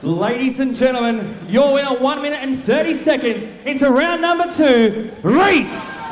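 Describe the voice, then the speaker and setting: Man, ring announcer, booming and pumped, very high pitch, formal announcements, echoing venue PA. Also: animated, moderate pace. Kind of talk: formal fight announcements over a PA. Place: large indoor fight venue. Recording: echoey hall PA with long reverb.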